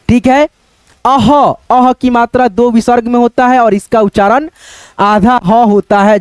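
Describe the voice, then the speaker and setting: An online Hindi teacher with a very high, crisp, darkish-toned voice explains letters step by step at a board. He patiently repeats himself, keeps calling out to his friends, and asks check questions. The recording is dry and close, with no room sound.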